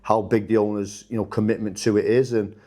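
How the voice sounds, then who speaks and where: A man, a football manager talking casually in a podcast interview, rambling with many restarts and lively when he quotes others. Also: on the low side, brisk.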